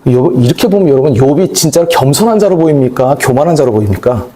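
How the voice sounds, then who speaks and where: A male pastor preaching a sermon in a conversational, animated way, with asides and acted-out quotes. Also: mid-range voice, quick pace.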